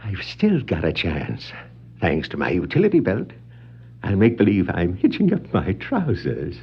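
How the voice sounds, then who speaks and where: An actor playing a gleeful, scheming clown criminal in a theatrical, gloating 1960s children's record dramatization of a comic book. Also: male voice, low voice, huge pitch swings, unhurried, slightly rough, full character voice. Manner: theatrical, gloating, prone to cackling laughter. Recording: muffled 1960s vinyl record.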